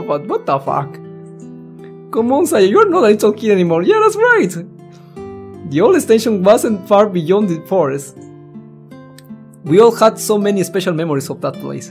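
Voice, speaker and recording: A lively let's-play host with a mid-range voice reads game text aloud and adds casual commentary, giggling and interjecting his own reactions. Game music with plucked guitar plays behind.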